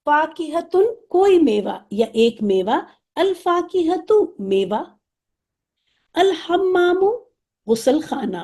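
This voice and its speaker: Husky-voiced woman teaching Arabic slowly. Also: high voice, warm tone. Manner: patient, repeats each word slowly, mixes English terms into Urdu. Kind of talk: online lesson, explaining vocabulary.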